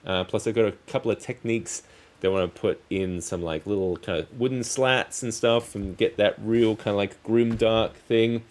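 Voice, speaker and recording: A man with a fairly low voice hosts a relaxed crafting stream. He talks casually and rambles, breaking his thoughts into short halting pieces. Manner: rambling, halting, trailing phrases. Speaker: streamer, crafting channel host. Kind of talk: casual livestream chat while crafting.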